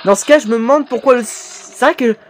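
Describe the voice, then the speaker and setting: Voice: mid-range voice, brisk, slight background noise. A reaction-video host giving playful, jokey commentary with bursts of sound effects.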